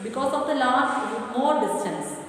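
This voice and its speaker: A woman's voice: high-pitched, expressive, unhurried, fairly bright tone. A woman teacher giving a lecture, asking questions and answering them herself. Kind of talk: classroom lecture. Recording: echoey hall, distant mic, faint noise.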